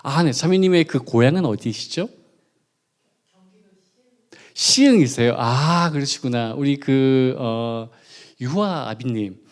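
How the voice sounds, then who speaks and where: Here the Gunwi pastor, from North Gyeongsang in South Korea, speaks in a mid-range voice at a slow pace, pausing often. His midweek sermon stays playful and chatty as he jokes with the congregation and asks them questions.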